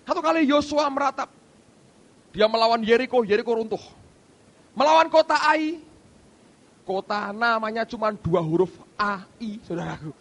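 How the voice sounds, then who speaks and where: A middle-aged male pastor preaching a sermon, emphatic, with sudden loud outbursts and quiet asides. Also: very high voice, animated, moderate pace, pauses often.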